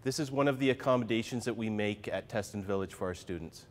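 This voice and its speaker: A school staff member giving a guided tour, speaking in a slow, informative way. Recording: noisy recording with rumble.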